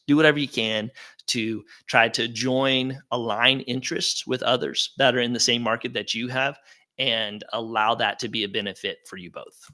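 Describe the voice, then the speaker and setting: A man in middle age talks through a live webinar in an easygoing, upbeat way, leaning on fillers and asides as he answers questions. His voice is bright and forward, sitting at an ordinary male pitch. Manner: casual, upbeat, conversational with fillers. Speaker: webinar presenter.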